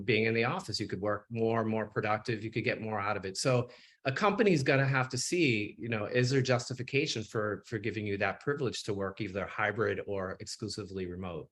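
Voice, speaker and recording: A man hosting an interview with an energetic, conversational way of talking. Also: on the low side. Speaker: podcast host. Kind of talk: casual interview chat.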